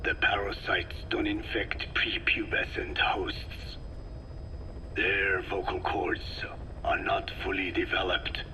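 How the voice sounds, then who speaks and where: A man playing an elderly, grave scientist in a video game, explaining things slowly and formally in a breathy, whispery voice. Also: deep voice, heavily acted. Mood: probing, sober. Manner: slow, deliberate, formal explanations. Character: elderly male scientist, frail, grave and measured. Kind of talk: dramatic video game voice acting. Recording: noisy field tape with steady hum.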